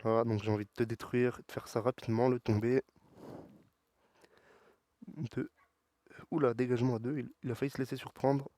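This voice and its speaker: A man commentating his wrestling video game, excitable and talking back to the characters on screen. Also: medium pitch, normal speed, pauses often, no room sound. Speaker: gaming YouTuber. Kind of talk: let's play commentary.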